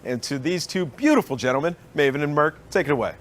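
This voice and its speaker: A man giving energetic play-by-play commentary on a game broadcast. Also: a little high, fast, slight background noise. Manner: energetic, storytelling. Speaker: esports caster.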